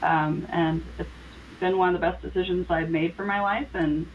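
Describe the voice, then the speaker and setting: A young woman with a fairly low voice answers interview questions over a video call. She explains in a steady way, and her audio comes through a little muffled. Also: moderate pace, slight background noise. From born in Croatia, raised in the US Midwest. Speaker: guest, organizational consultant.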